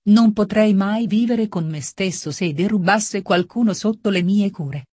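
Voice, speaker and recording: A woman voicing a calm, stubborn gentleman in a storybook reading, with a steady manner. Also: medium pitch, unhurried, husky, dry recording, studio quality. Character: calm, stubborn gentleman highwayman, adult man.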